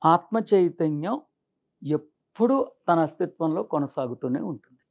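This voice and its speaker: A man explaining scripture in an interview, reciting verses slowly and then answering his own questions. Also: a little high, lively intonation, darkish tone. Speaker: spiritual teacher, interview guest. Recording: dull lo-fi sound.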